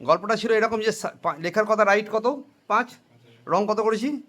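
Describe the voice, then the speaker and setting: A man's voice: high-pitched, normal speed, fairly bright tone. A man teaching accounting to a class, questioning students and having them repeat answers, with English and Hindi phrases mixed in. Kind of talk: classroom lecture with call-and-response.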